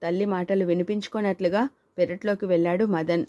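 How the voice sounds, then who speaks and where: A woman's voice: on the low side, fairly even intonation, fairly quick, mellow, dry recording, dull audio. A woman narrating a family story as an audiobook and voicing its characters in her own voice. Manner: reads all characters, male and female, in her own voice.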